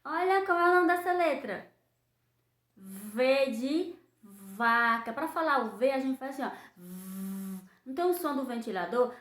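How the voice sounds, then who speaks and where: A woman teacher, giving a children's phonics lesson and sounding out letters slowly in a sing-song way. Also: high-pitched, animated. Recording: echoey room.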